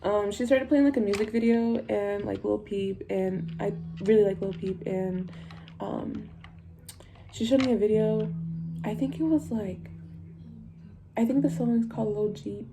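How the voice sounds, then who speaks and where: A woman's voice: mid-range voice, steady tone, unhurried. A young woman talking casually to camera in a stoned, rambling stoner manner, informal and sweary as she chats through getting ready. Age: young adult. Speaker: vlogger. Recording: music playing behind the voice. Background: music.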